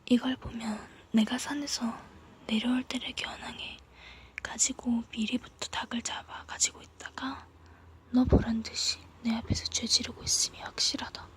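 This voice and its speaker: A woman reading a story as ASMR in a soft, hushed, breathy whisper, as if leaning in close to whisper. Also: on the high side, level tone, normal speed. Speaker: ASMR reader.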